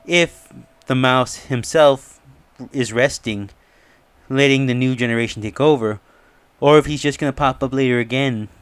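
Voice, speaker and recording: With a smooth, mid-range voice, a man hosts a casual online review and theory commentary. He muses conversationally, often stepping aside from his main point.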